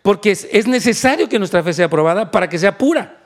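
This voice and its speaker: A male pastor preaching an animated sermon, switching into English and asking for amens. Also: sits high, a little fast. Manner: animated, switches into English, asks the crowd for amen.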